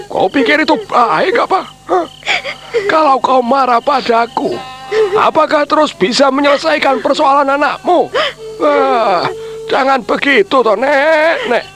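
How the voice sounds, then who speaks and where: An actor playing a grumbling, touchy old village grandfather, in a radio drama over music. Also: very high voice. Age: older. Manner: grumbling, bickering.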